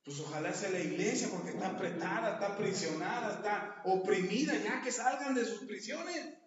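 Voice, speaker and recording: A man preaching a sermon, acting out dialogue and rising to loud emphatic peaks. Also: sits high, moderate pace, a little hiss or hum. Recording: far from mic in an echoey hall, dull sound.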